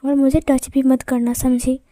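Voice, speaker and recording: A woman's voice: high voice, little pitch movement, unhurried, mellow, no echo. A woman voicing a petulant, mischievous young man who pouts and accuses, in a read-aloud story. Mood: sulky. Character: sulky mischievous young man, hot-tempered.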